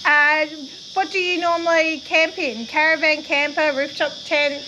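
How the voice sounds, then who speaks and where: A woman's voice: high voice, steady tone, a little slow, pushed and bright, lo-fi sound. A middle-aged woman from Queensland with a broad Australian accent, hosting a casual chat. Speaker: interview host. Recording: clear background noise, insects chirping outdoors.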